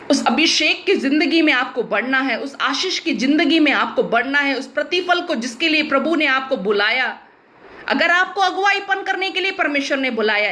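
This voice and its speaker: High-voiced Indian woman preaching bluntly. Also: fairly bright tone, a little hiss or hum. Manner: emphatic, blunt, with a teasing humor. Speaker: pastor. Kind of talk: sermon.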